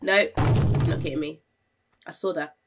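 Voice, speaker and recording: A woman's voice: low-pitched, fairly even intonation, moderate pace, a little hiss or hum. A woman streaming a game, chatting casually with viewers, jumpy and easily startled, sounding a little under the weather. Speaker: gaming streamer. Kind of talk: casual live gameplay commentary.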